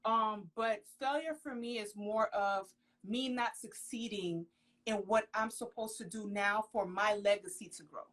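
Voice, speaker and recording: A young woman raised in the US in a Haitian household, whose first language was Creole, appears as a guest on a casual live interview, joining by phone on a video call. A professional model, she speaks earnestly and emphatically in a mid-range, slightly bright voice at a measured pace, often exclaiming.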